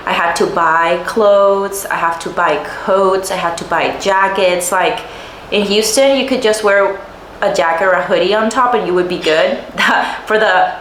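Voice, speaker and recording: A young woman from Puerto Rico chats through a casual life-update vlog, lively and quick to laugh, leaning on "like" as she talks. Her mid-pitched voice sits in a roomy space with a bit of echo. A faint hum of room noise runs underneath. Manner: animated, laughs often, filler-heavy. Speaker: vlogger.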